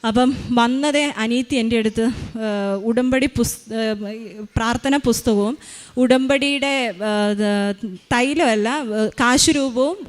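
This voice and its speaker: A woman's voice: fairly high pitch, measured pace. A woman in her thirties giving a spoken faith testimony as a mother, retelling events earnestly with many hesitations.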